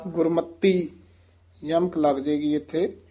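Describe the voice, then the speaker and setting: A man's voice: on the high side, fairly even intonation, normal speed, darkish tone. A man teaching scripture recitation, patiently repeating words and stressing how each should be pronounced. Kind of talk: correcting pronunciation in a recitation lesson.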